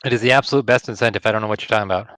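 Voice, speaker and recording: A woman's voice: very deep voice, rapid-fire, no room sound. A woman on a charity gaming stream, narrating her gameplay in a playful way. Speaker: stream co-host. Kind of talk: casual gaming stream chat.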